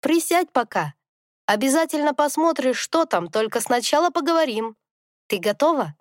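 A woman's voice: high-pitched, expressive, moderate pace, no echo, voice pushed up. Woman doing wise old she-wolf grandmother, wry, knowing, fantasy storybook, dry sound.

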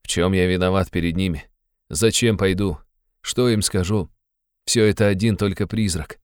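A man's voice: sits low, normal speed, clean tone, dry recording, studio quality, lightly acted. A man reading an audiobook, playing a tormented young man who confesses in a brooding, agitated way. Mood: bitter. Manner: brooding, agitated, bitterly insistent.

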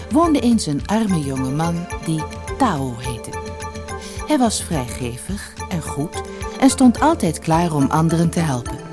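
A woman reading a fairy tale aloud as a storyteller, with an expressive, gently varied delivery. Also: fairly low pitch. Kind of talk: storybook narration for children. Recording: audiobook with soft music behind. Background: faint music.

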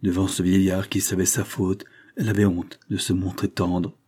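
Man reading an old novel aloud, dark husky low voice, measured and dramatic. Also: flat delivery. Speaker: audiobook narrator.

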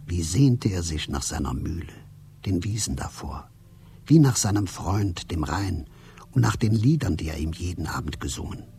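Man narrating a fairy tale, low voice, lively melody, faint hum. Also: normal speed, vocal fry. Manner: storytelling, expressive.

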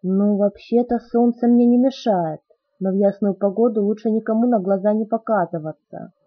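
A woman's voice: mid-range voice, steady tone, moderate pace, husky, lightly acted. A woman reading the lines of a brooding young male vampire, speaking in a muffled but insistent way. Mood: evasive. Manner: muffled, insistent, softly spoken. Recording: tinny phone-like audio.

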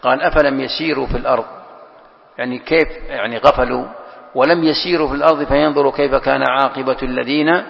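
A man leads a classroom scripture lesson, working through each verse by repeating and explaining it. His voice is gravelly and mid-pitched. It carries a long reverb from a large hall, and the recording sounds dull and lo-fi. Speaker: sheikh teaching Quran commentary.

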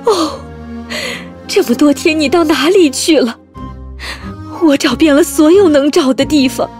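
A woman's voice: high-pitched, a little slow, darkish tone, faint music behind. A woman voicing a worried, scolding middle-aged mother in a children's audio story.

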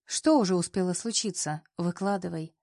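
A woman's voice: lowish voice, moderate pace, a little mellow, no room sound, clean studio sound, close to an everyday voice. A woman reading the lines of a confident young male boss who teases and gives orders. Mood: teasing. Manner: teasing, commanding.

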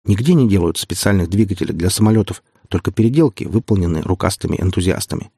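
A man narrating an audiobook in a steady storytelling manner. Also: low voice, quick pace, vocal fry, slightly rough, no echo, studio quality. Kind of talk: scripted narration.

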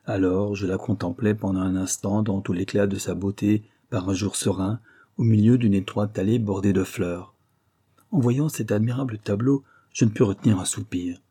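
Brief: male audiobook narrator, measured literary reading, dark husky tone. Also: fairly low pitch, fairly even intonation. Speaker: audiobook reader.

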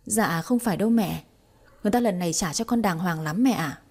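Woman doing a scared young wife stammering and begging, soft husky voice. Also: fairly low pitch, fairly quick. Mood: pleading. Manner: stammering, pleading. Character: timid young woman, frightened and pleading.

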